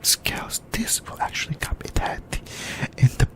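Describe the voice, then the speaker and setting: A YouTuber whispers through an ASMR discussion of anime, speaking haltingly in short, broken phrases. The whole clip is whispered.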